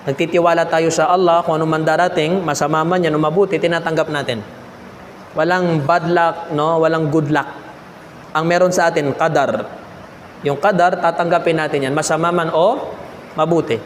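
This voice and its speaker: High-voiced man preaching in a reverberant hall. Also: steady tone, normal speed, slight background noise. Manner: checks in with listeners using frequent tag questions; mixes in English words. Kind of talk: storytelling sermon. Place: mosque prayer hall. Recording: long hall reverb with faint room ambience.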